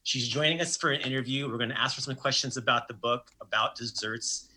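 A man hosting a casual show, excited and halting with many fillers. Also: mid-range voice, slight background noise. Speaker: host.

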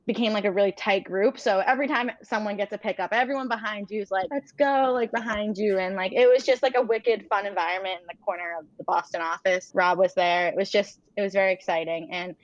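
A young woman talking casually in an interview, chatty and animated, with frequent fillers. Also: medium pitch, fast, few pauses, no echo. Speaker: interview guest, former sales rep. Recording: dull, dry lo-fi sound.

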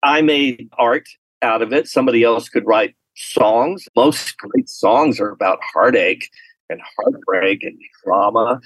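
A man from Texas, an artist being interviewed, telling stories in a lively, laughing way. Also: measured pace, no room sound, low-quality recording. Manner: animated, laughing storyteller with lively pitch swings. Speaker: artist guest. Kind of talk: casual storytelling interview.

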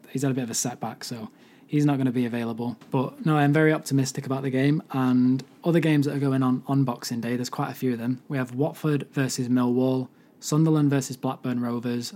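A man with a hoarse, mostly lost voice hosting a solo football podcast, giving earnest fan opinions. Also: mid-range voice, mellow. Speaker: podcast host.

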